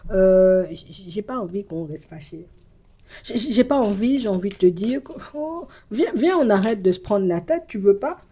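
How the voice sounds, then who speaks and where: A woman's voice: mid-range voice, lively intonation, normal speed, warm tone, husky. A woman giving a spoken intuitive reading to the viewer as a psychic reader. She rambles, stammers and repeats herself, leans on constant verbal fillers, and slips into speaking in the first person for an absent person.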